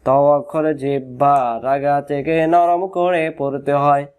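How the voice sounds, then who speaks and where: A man teaching Quran reading, slowly repeating letter sounds for learners to follow. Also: on the high side, fairly even intonation, smooth, narrow, tinny audio. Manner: slow, repetitive drilling of letter sounds; chants a short verse in a drawn-out sung tone. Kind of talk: slow recitation lesson.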